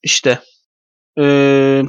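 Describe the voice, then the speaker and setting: A man's voice: medium pitch, monotone, drawn-out words, clean tone, no room sound, highs cut off. Stuffy-nosed man talking basketball, dry sound. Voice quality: thick, stuffy-nosed voice from a cold. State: sick with a cold. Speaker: basketball podcast commentator. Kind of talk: casual sports analysis talk.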